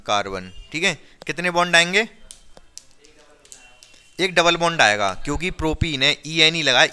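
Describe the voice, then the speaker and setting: A male teacher leads a classroom chemistry lesson with a bright, crisp voice pitched a little high. He walks students through each step, asking questions and checking again and again that they understand. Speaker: science teacher.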